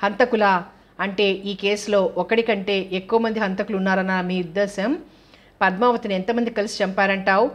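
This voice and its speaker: A woman voicing a calm, shrewd male detective who speaks in measured, commanding lines in an audio novel. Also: medium pitch, natural voice. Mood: teasing.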